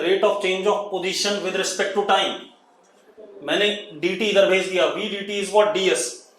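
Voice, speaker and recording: A man with an Indian accent teaching physics in an online class, strict and scolding, dictating terms slowly. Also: high voice, fairly bright tone, roomy sound. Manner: strict, scolding, addresses students as 'beta'; slow dictation of terms, drawn out.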